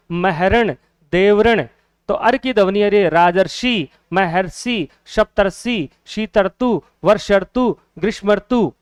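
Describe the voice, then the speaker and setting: A man's voice: sits high, clean tone, no echo, clean studio sound. A man teaching a Hindi grammar lesson for exam students, asking questions and answering them himself, repeating each key word.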